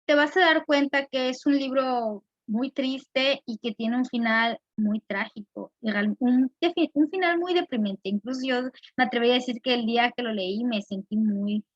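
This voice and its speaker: A woman's voice: on the high side, normal speed, few pauses, no room sound. Woman teacher explaining grammar. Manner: explains patiently, checks in with "¿no?" and "¿ok?". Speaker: literature teacher. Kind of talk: recorded lecture. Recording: dull, dry lo-fi recording.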